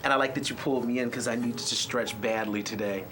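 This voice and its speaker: An easygoing man talks about his studio job, filling pauses with "um." Steady room ambience and noise sit clearly behind his voice. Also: medium pitch. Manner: easygoing, with many "um" fillers. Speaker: studio facilities coordinator.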